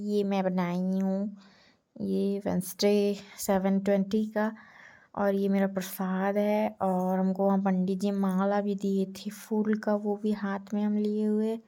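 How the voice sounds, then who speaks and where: A woman's voice: mid-range voice, mellow. A woman narrating her trip photos and videos in a chatty, homely voice-over, talking to her viewers.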